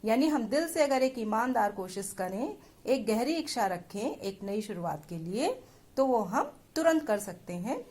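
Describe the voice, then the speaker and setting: Slow, patient Indian woman teacher. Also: on the high side, very animated, darkish tone. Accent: Indian English. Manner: slow, patient explaining, switching between Hindi and English. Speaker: school English teacher. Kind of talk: classroom lesson explaining a poem.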